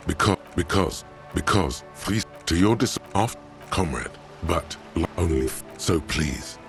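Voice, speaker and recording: Very low, gravelly male voice reading game narration aloud with stumbles and restarts; game music in the background. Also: expressive, unhurried.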